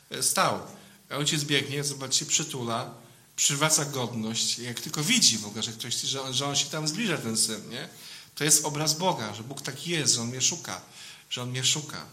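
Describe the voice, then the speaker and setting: Very bright-voiced man preaching informally. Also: mid-range voice, moderate pace. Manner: conversational, keeps adding questioning tag "nie?". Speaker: priest. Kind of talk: informal sermon.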